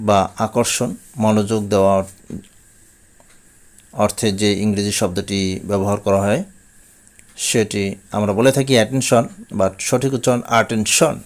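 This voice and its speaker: A man's voice: fairly low pitch, a little slow, long pauses, a little mellow. A man with a Bengali accent teaching English pronunciation, saying each word several times and then giving its meaning. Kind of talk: slow, repetitive pronunciation lesson.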